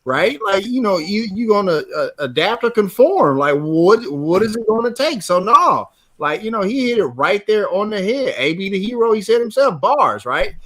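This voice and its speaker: A man's voice: high-pitched, sing-song, normal speed, hardly any pauses, a bit bright. A man co-hosting a casual podcast chat, chatty and leaning on like and you know. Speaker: co-host.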